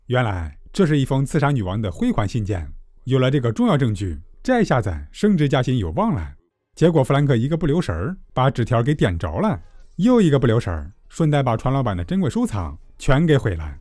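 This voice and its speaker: Male recap narrator, scripted comedic delivery, highly varied intonation, mid-pitched, dry close sound. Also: sing-song, fairly quick, darkish tone, no room sound.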